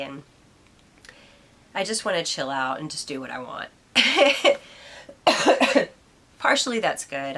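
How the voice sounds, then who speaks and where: A woman's voice: deep voice, gravelly, bright, forceful tone. A woman hosting a solo podcast at home, musing and reflective as she thinks aloud with plenty of ums. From United States. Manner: talks aside to her cat now and then. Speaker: podcast host. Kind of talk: casual solo podcast monologue.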